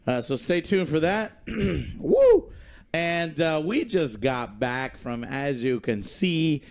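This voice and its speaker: A man with a hoarse, strained voice giving a casual, excited and exclamatory review on a stream, swearing freely. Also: a little high, takes it slowly. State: hoarse from earlier recording. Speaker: video reviewer.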